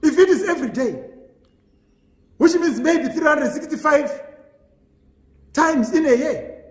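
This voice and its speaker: A man preaching a sermon as pastor, earnest and measured, pausing between phrases. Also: very high voice, roomy sound.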